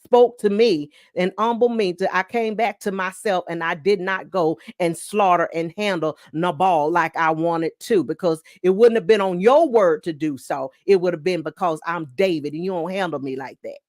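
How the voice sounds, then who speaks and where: A woman's voice: fairly low pitch, normal speed, few pauses, a little mellow, no echo, clean studio sound, close to an everyday voice. A woman voicing the biblical King David as a proud man humbled, speaking in a streetwise, confessional way. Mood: grateful.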